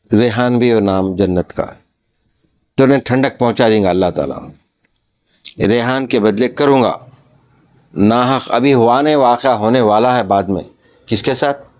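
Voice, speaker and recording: A man's voice: lowish voice, a little mellow. Man reading and explaining scripture, Urdu accent. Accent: Pakistani Urdu. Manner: reads a passage, then explains it in plain words. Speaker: religious storyteller. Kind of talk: reading and explaining a religious text.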